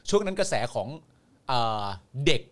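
A man's voice: moderate pace, a bit bright. A man co-hosting a casual political talk show, blunt and mocking with crude swearing. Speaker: podcast co-host. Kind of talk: casual political commentary chat.

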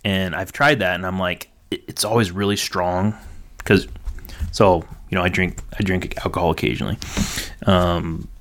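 A podcast co-host chats casually, speaking hesitantly with lots of fillers and restarts in a self-deprecating way. His voice sits low and is a bit bright, with fairly even intonation at a moderate pace.

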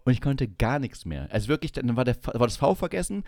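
A young man, chatting casually and telling a story with lively energy, jumping into other people's voices as he goes. His voice sits at a middle pitch and sounds dry and close, with no room around it. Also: quick pace, dry recording. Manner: animated storyteller acting out quoted dialogue. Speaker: podcast co-host. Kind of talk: casual chat.

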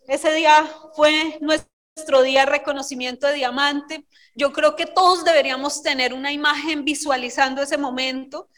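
Give me a woman motivational speaker with a high, animated voice. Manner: animated storytelling, laughing, acting out quotes. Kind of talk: motivational stage talk.

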